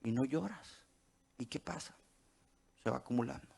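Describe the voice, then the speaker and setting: A man's voice: mid-range voice, expressive, moderate pace, vocal fry, a little mellow, husky. A man preaching a sermon as pastor, tossing out rhetorical questions and checking in with the congregation as he goes.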